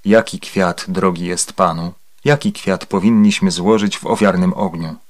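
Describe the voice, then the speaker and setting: A man reading a translated spiritual discourse aloud in a measured, solemn, explanatory way. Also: low-pitched, steady tone. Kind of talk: formal read-aloud discourse.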